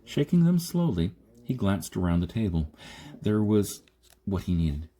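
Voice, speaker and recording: The narrator is a man with a low, dark-toned voice who reads a sci-fi audiobook script in a very animated way but at a measured pace. Occasional stumbles over phrases occur, and background noise is noticeable.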